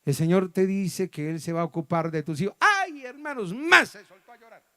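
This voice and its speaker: A man with a Colombian accent, a pastor preaching a testimony, storytelling dramatically with sudden loud and soft turns. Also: high voice, expressive, a little fast, dry recording. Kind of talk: sermon testimony. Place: church hall.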